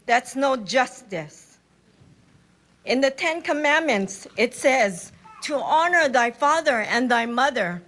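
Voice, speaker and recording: A woman reading a prepared statement in a measured, deliberate way at a podium in a state capitol hearing room. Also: high-pitched, expressive, a bit bright. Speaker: public testifier. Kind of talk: prepared public testimony.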